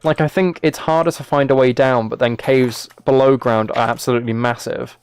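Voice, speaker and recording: Smooth and mid-range, this young British guy's voice carries a dry, mock-exasperated humor as he chats loosely on his gaming livestream. He sounds to be somewhere between his late teens and early twenties.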